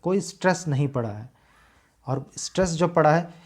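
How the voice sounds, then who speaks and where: A man teaching a lesson from slides, explaining carefully, repeating key words and reading English lines slowly with heavy stress. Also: a little high, animated, a little mellow.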